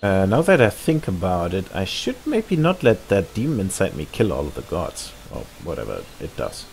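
A man's voice: deep voice, wildly swooping pitch, normal speed, creaky, a little mellow, a little hiss or hum. A man with a German accent giving wry, dry commentary while playing a game. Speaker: gameplay commentator. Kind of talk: let's play commentary.

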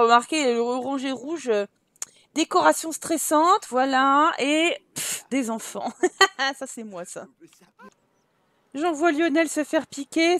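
A woman with a high voice chats her way through a game, teasing her characters and exclaiming at every surprise. The sound is close and dry, with no room around her. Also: fairly bright tone, dry recording. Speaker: gaming let's-play host. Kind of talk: casual game commentary.

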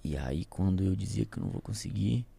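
Husky Brazilian man telling an intense story. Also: sits low, quick pace. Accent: Brazilian Portuguese. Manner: intense, swings from loud outbursts to near-whispers; speaks with conviction, addresses viewers directly. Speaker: podcast guest, pilot. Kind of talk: emotional storytelling.

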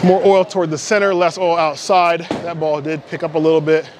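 A middle-aged American man casually reviews and demonstrates a product in a large indoor bowling alley, explaining in short conversational bursts. His voice is a little high, level and brisk, and clattering alley noise and ambience fill the background.

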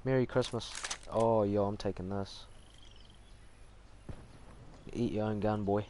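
A man's voice: fairly low pitch, fairly even intonation, slow pace, warm tone. A man with a broad New Zealand accent giving casual, slangy live commentary while gaming. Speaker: gaming streamer. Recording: noisy home gaming mic.

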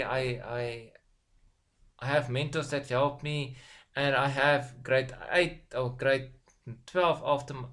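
Speaking to camera from a small home room, this online business vlogger offers casual motivation through a desk-distance webcam. His Afrikaans-accented voice is mid-range and a bit bright, and he halts often, repeating words and saying um.

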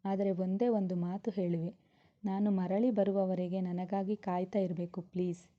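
A woman voicing a young husband and police officer, speaking softly, slowly and pleadingly. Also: medium pitch, little pitch movement, lo-fi sound, natural voice.

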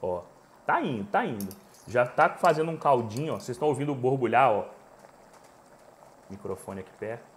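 A man's voice: mid-range voice, moderate pace, long pauses, slight background noise. A man in his forties with a Brazilian Portuguese accent, hosting a live cooking stream from his home kitchen and chatting with viewers. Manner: animated storytelling, chatty and joking with viewers. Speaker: cooking show host. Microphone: lapel mic.

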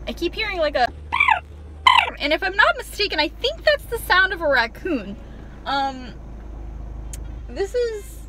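Sitting in a parked car, a young woman vlogger tells a sarcastic, self-mocking story to her dashboard camera, rambling with plenty of ums. Her voice is high and sharp, with slight background noise.

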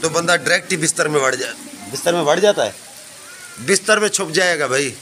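A man's voice: a little high, brisk, sharp tone, slight background noise. A man with a Pakistani accent narrating a casual village vlog outdoors in the rain, devout and chatty. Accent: Pakistani Urdu. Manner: chatty and devout, often saying mashallah. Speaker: village vlogger filming and narrating. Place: rural courtyard in the rain, outdoors.

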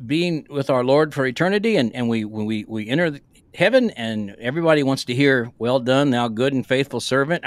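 Speaking into a close podcast mic from a small room on a remote video call, a pastor in his sixties co-hosts a casual conversational podcast. He rambles in a folksy way, his pitch fairly high, and there's no room sound.

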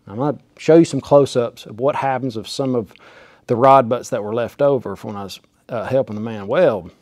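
A man's voice: mid-range voice, fairly quick, a little mellow, no room sound, studio quality. Folksy man teaching in a workshop. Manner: folksy, emphatic, demonstrating with gestures. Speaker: welding instructor. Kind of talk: hands-on how-to demonstration. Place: small workshop with machine tools, indoors. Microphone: clip-on lapel mic.

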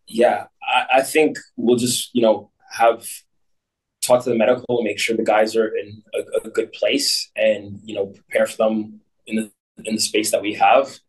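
This is a man coaching soccer, giving measured, brief post-match answers in a lowish, flat voice. He joins over a video call and sounds distant from the mic.

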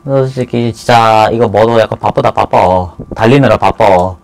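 A man giving casual commentary on an online game he is playing, swinging between loud cheers and nervous muttering. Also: on the low side, moderate pace, slight background noise, low-quality recording. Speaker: gaming YouTuber.

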